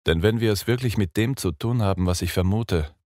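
A man voicing a calm, ominous elderly professor who speaks quietly and grimly. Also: fairly quick, no echo, studio quality, natural voice. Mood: grave. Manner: quiet, low-spoken, grim.

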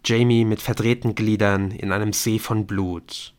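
A man reading a novel aloud as an audiobook narrator, in a slow, measured reading. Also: on the low side, fairly even intonation, a little mellow.

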